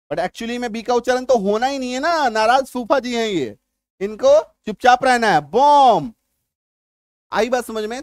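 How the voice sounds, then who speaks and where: A man's voice: high voice, no room sound, clean studio sound. A middle-aged man teaching English spelling rules in a classroom style, explaining through homely comparisons and often checking that students follow.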